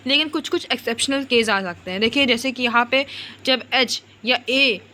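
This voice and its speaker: A woman teaches grammar in an online lesson, her voice bright and fairly high. She repeats words as she explains and stops to restart herself. A faint hum sits underneath the recording. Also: normal speed. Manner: repeats words to explain, many fillers and restarts, mixes English into Hindi.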